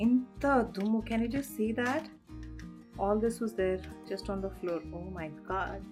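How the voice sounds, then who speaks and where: A woman's voice: medium pitch, extremely slow, over music. A woman vlogger talking casually and playfully at home, switching into English now and then. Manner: playful, chatty, mixing in English.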